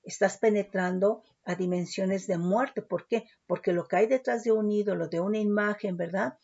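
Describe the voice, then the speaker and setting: A woman with a gravelly, mellow voice leads a Bible study. She reads scripture slowly and deliberately, then explains it and keeps checking in with her listeners through tag questions. The recording sounds slightly dull and lo-fi. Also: mid-range voice. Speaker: Bible teacher.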